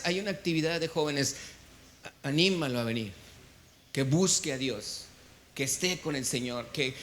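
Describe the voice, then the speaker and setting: A Mexican pastor preaches in church with a bright, tense edge to his fairly high voice. He keeps throwing questions at the congregation and waiting for them to answer back. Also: a little hiss or hum. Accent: Mexican Spanish. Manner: quizzes the congregation, call-and-response. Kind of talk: sermon.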